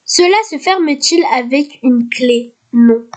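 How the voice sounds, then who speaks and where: A woman with a slightly hoarse voice, playing a guessing game in casual commentary, reading each question aloud and then answering it casually. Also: sits high, takes it slowly, darkish tone. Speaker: youtuber.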